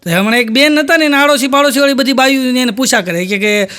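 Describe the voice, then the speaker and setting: A man with a Kathiawadi Gujarati accent telling stand-up jokes on stage as a folk comedian. He strings together quick anecdotes, tags quotes with repeated markers and keeps coming back to a catchphrase. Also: extremely high pitch, sharp tone, smooth.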